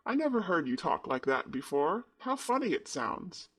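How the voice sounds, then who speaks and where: A man voicing a sickly boy who is excited and delighted. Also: moderate pace, breathy edge, heavily acted. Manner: high, excited, wondering.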